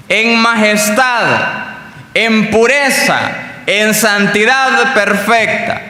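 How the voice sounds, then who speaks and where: A male pastor preaching a sermon in a measured, earnest manner in a church. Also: very high-pitched, sharp tone. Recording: echoey church hall with long reverb.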